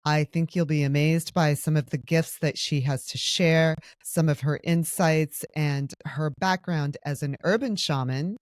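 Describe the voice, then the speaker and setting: A woman hosts a podcast, welcoming her guest and asking soft follow-up questions. Her voice is quite low for a woman and sits close and dry on the mic. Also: unhurried, hardly any pauses, no room sound. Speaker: podcast host. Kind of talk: podcast interview.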